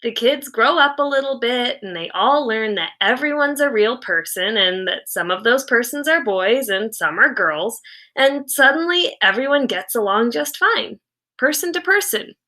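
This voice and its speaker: A woman with a fairly high voice reads a children's novel aloud the way a teacher would. Her storytelling is expressive, and she leans on key words with deliberate, dramatic emphasis.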